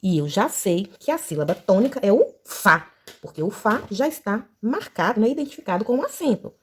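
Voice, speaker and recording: A Brazilian woman teacher guiding young children through a lesson, stretching out words slowly and singing syllables. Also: medium pitch, sing-song, husky. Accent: Brazilian Portuguese. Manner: slow, sing-song syllables for children.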